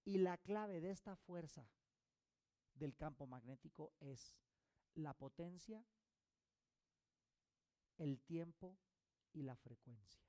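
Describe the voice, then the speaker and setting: A man teaching a recorded course lecture as a holistic therapy instructor, explaining through rhetorical questions and quick "ok?" check-ins. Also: on the high side, mellow, dry recording.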